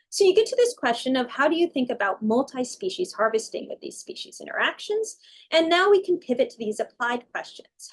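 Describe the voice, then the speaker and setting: A middle-aged woman giving an academic research talk, explaining step by step with fillers and self-corrections. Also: fairly high pitch. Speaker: university researcher giving a lecture.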